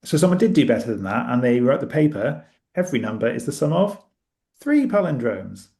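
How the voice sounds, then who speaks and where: A man's voice: mid-range voice, sing-song, a little fast, gravelly, a little mellow. A man chatting as a guest, eagerly explaining a maths idea and a tool he built. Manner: enthusiastic, explaining with asides. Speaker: guest, maker of maths web tools. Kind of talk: casual chat.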